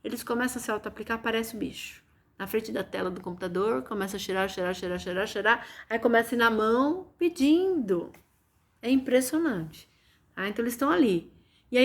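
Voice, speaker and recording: A woman's voice: on the high side, expressive, a little fast, a bit bright. A woman with a Brazilian Portuguese accent hosting a casual spiritual live stream from home, chatty and often turning to her viewers. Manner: chatty, keeps addressing viewers with "gente" and "né". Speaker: live-stream host and reiki teacher.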